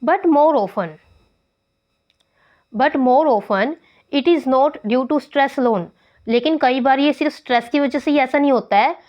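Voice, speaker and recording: Reading English passages at a slow pace, this Indian teacher switches to rapid Hindi to explain the grammar for exam preparation. She has a high-pitched voice captured in lo-fi sound.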